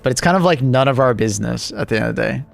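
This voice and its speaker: A man's voice: medium pitch, expressive, racing, vocal fry, soft background music. A man live streaming, chatting casually with his viewers and reacting to their messages with joking, rambling asides.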